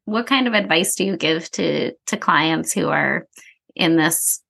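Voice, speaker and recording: A woman's voice: sits low, expressive, unhurried, creaky, fairly bright tone, slightly rough. A woman hosting a podcast interview, affirming her guest and asking questions. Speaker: podcast host.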